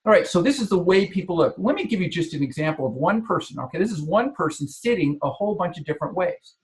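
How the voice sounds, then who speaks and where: A male business coach gives a lesson, his voice sitting a little high for a man. He talks with emphasis, restarting words and checking in with his listeners. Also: expressive, fast. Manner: emphatic, repeats key phrases; frequent verbal restarts and filler checks like "okay". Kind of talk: coaching lecture on body language.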